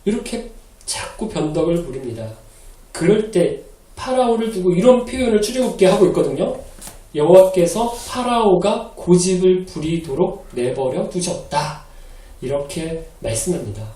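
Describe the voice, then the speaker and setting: A man preaching a Sunday sermon as pastor, animated and acting out quoted lines in a changed voice. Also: high voice, moderate pace. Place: church hall. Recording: echoey hall, mic from a distance.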